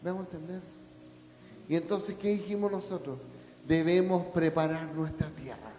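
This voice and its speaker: A male pastor with a high voice preaches a sermon at normal speed, firing rhetorical questions at the congregation and rising to shouts at the climaxes. The room sound is spacious, with a long church-hall reverb trailing each phrase.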